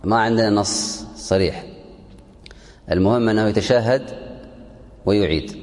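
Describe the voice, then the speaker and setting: A man's voice: lowish voice, normal speed, a little mellow, big-room sound, a little hiss or hum. A man teaching a religious text to a class, repeating key phrases and quizzing his students. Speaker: sheikh teaching a fiqh text. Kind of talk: classroom lesson explaining a text.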